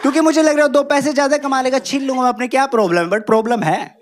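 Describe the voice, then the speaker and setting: High-voiced young man doing stand-up. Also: fast. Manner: self-mocking Hindi storytelling mixed with clumsy English. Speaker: stand-up comedian. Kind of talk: stand-up comedy set. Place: comedy club stage with a laughing audience. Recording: live show with loud crowd laughter.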